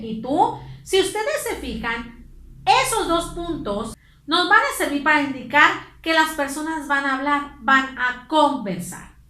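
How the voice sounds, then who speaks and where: A woman's voice: sits high, sharp tone, reverberant. A woman teacher with a Mexican Spanish accent, patiently explaining a lesson to pupils. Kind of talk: online class lesson.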